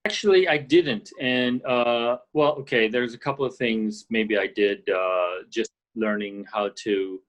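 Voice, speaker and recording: A man's voice: on the low side, measured pace, few pauses. A middle-aged man from Canada, chatting as an interview guest over a video call and talking thoughtfully, with many fillers and restarts. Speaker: guest, orchestral percussionist. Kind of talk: casual interview chat. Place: ski and golf resort, indoors.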